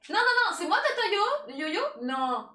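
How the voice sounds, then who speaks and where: A woman cooks on a live stream, chatting freely in a high voice and laughing between lines. Her voice sits back from the mic, with room echo around it. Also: very animated, a little slow, sharp tone, far from the mic. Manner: chatty, laughs often, thanks viewers, talks to her cat. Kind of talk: casual live-stream chat while cooking. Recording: echoey room, voice a bit off-mic.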